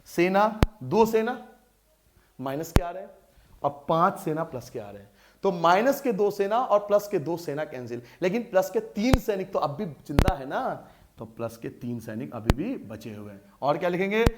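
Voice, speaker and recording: Lively high-voiced male maths teacher. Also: noisy background. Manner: lively, coaxing, asks and answers his own questions. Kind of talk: board lesson.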